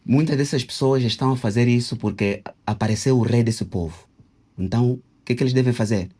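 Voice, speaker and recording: A man, speaking in a husky, slightly breathy voice. He teaches as he talks and slows down to sound out words syllable by syllable, with frequent hesitations. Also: medium pitch, warm tone. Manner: didactic, spells out Kikongo words syllable by syllable with many hesitations. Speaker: interviewee, self-proclaimed traditional king. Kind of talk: explanatory interview answers.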